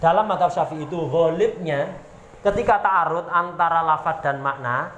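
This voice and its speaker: A man with a Javanese accent, pitched high, teaching a classical religious text. He reads Arabic phrases, explains them, quizzes his listeners and slips in small jokes. The recording sits in a roomy, echoing space with a faint hiss behind him. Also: normal speed, fairly bright tone. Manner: reads Arabic terms then explains them, asks rhetorical questions, jokes. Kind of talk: pesantren kitab lesson.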